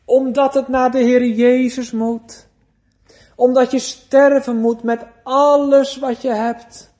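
A man preaching a sermon, emphatic, with big swings in loudness and pitch and rhetorical questions. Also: level tone, slow.

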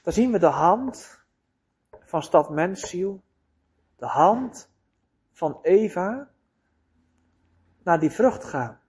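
Slow, deliberate male preacher. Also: high-pitched, sing-song, a little mellow. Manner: deliberate and emphatic, with rhetorical questions to the listeners. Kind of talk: sermon.

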